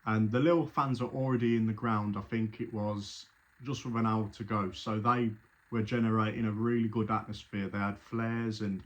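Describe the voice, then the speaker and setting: A man's voice: fairly low pitch, steady tone, normal speed. A man, a football fan, recounting an away trip in a casual, rambling way with frequent restarts. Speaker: football fan telling his story. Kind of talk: casual spoken recollection.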